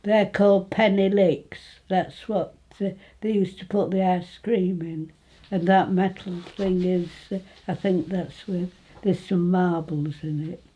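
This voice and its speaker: An elderly woman in her nineties reminisces informally in an East Midlands English accent. Her voice is soft-edged and a little low, and she speaks very slowly, pausing and trailing off as she remembers. The recording is slightly dull. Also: steady tone. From Retford, England. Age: 90s. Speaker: interviewee recalling her life.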